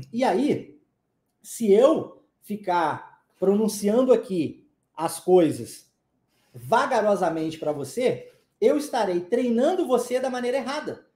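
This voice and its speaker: A man's voice: sits high, warm tone. Emphatic Brazilian male teacher, roomy sound. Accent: Brazilian Portuguese. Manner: emphatic, explaining with frequent checks like "tá?" and "percebe?". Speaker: English teacher. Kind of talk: online language lesson.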